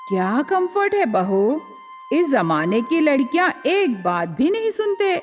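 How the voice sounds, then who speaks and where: A middle-aged village mother-in-law from a cartoon storybook, voiced by a woman, scolding and then boasting about herself. Her pitch is raised and lively, and she speaks slowly. The sound carries long reverb with faint music behind. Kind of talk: storybook character voice.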